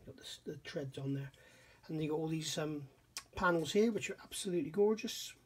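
Thinking aloud a little fast in a breathy-edged voice on the high side, a middle-aged man gives a casual hands-on review of a scale model kit. He sits at an indoor workbench, musing, admiring the kit and often questioning himself.

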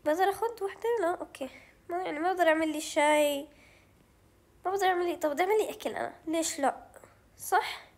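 Young woman, Levantine Arabic accent, high bright voice, let's-play chatter, squeals and thinks aloud. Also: fast talker, long pauses. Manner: chatty, thinks aloud, reacts with squeals and gasps, drops in English words. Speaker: gaming channel host.

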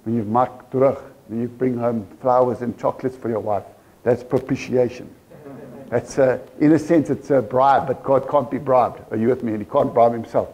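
A man with a South African accent preaching a sermon in church, animated and full of rhetorical questions to the congregation. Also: mid-range voice, moderate pace. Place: church service.

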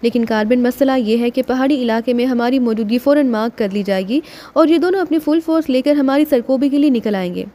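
A man's voice: very high-pitched, warm tone. A woman voicing a cautious man in an audiobook who raises doubts about a plan. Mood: doubtful. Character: cautious male team member.

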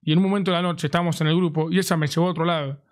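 A young man with a Rioplatense Argentine accent telling an animated, slang-heavy story to his stream chat. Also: on the high side, rapid-fire. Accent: Rioplatense Spanish. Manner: animated, slangy, mimics friends in raised voice.

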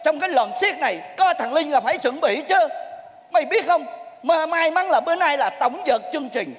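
High-voiced man scolding loudly on a stage. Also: lively intonation, fairly quick, long reverb tail. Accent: Southern Vietnamese. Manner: scolding, exasperated, frequent shouting. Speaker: magic troupe master in a stage sketch. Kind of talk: live stage comedy sketch. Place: theater stage.

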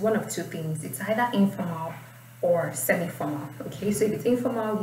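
Her voice fairly low and darkish in tone, a young adult Nigerian woman explains and reads aloud in an informal IELTS writing tutorial. The setting is a small indoor room, captured by a distant mic that sounds roomy and carries faint noise.

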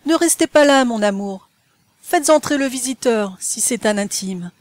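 Haughty irritable young gentleman, curt and peevish, dry close sound, read by a woman narrator. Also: on the high side, normal speed, dry recording, close to an everyday voice. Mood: alarmed.

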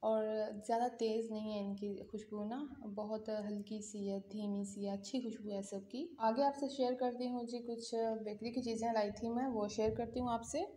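Young Pakistani woman, home vlogger, warm higher voice, echoey room. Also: steady tone, moderate pace, hardly any pauses, slight background noise. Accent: Pakistani Urdu. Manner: chatty, talks straight to viewers. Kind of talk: casual home vlog. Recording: echoey room, faint ambience.

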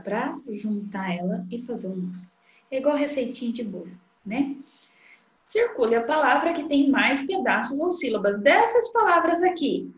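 A woman teacher, talking young children through a literacy worksheet in a slow, sing-song way. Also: high voice. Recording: dull, echoey room sound.

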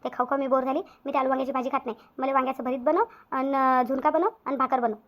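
A woman's voice: high-pitched, little pitch movement, fast, close to an everyday voice. A woman voicing a fussy, demanding older aunt in a cartoon, nagging and scolding. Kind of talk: cartoon voice acting. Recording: dull lo-fi audio.

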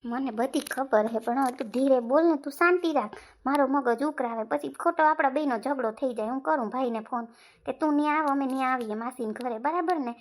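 A put-upon younger brother with a Kathiyawadi Gujarati accent, played by a woman in a comic village skit. He complains and argues in a high voice, sounding wronged and stubborn. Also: fairly quick, natural voice. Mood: fed up. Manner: complaining, argumentative village talk. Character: man, Sandeep, a grumbling middle-aged younger brother.

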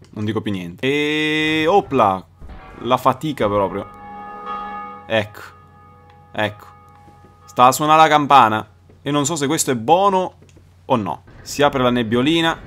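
A young man doing let's play commentary, excitable, swearing and shouting at the game. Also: medium pitch. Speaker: gaming YouTuber.

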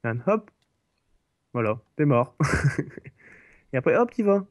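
A man's voice: a little high, big pitch swings, slow, dry recording, clean studio sound. A man in a casual gaming chat with friends, joking and explaining the game plainly. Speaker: gamer playing with friends.

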